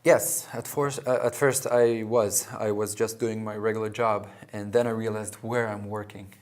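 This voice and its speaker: Low-voiced man who grew up in Israel. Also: steady tone. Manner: halting, with many pauses and fillers. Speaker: guest, club president. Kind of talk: interview answers.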